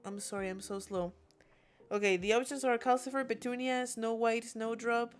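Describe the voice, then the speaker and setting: A woman's voice: fairly high pitch, steady tone, moderate pace, faint music behind. A young adult woman with English as her second language, chatting casually and giggling as she streams a game alone in her room. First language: not English. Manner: giggly, chatty, reads chat messages aloud. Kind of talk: casual live-stream chat.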